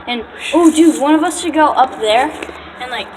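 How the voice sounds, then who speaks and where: A woman's voice: high voice, normal speed. A young woman talking casually and nervously as she vlogs a night exploration inside a tunnel. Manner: nervous, jumpy, slangy. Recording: echoey tunnel, noisy, handheld camera.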